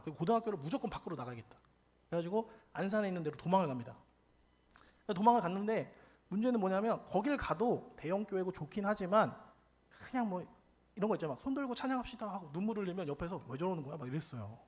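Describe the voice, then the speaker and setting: Young male Korean pastor, high, lively storyteller, husky, talks fast. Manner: animated, acts out quoted lines. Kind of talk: storytelling sermon.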